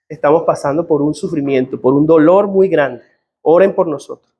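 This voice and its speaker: A man's voice: fairly high pitch, moderate pace, warm tone, muffled recording, slight background noise. A middle-aged man preaching a sermon as pastor, telling personal stories in an earnest way. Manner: earnest, personal storytelling with quoted dialogue.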